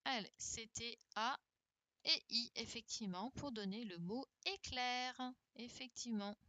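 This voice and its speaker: A woman teacher leads an online class through her computer mic, speaking slowly and deliberately. Her voice is bright and a little high, and the sound is dry and close with no room around it. She coaxes her pupils by repeating each question. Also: dry recording. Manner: coaxing, repeats questions to prompt answers. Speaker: primary school teacher. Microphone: computer mic on a video call.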